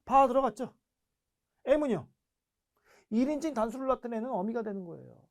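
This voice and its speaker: A man's voice: very high-pitched, moderate pace. Chatty man teaching a grammar lecture. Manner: asks rhetorical questions and repeats drilled verb forms; chatty, explaining in a lively classroom way.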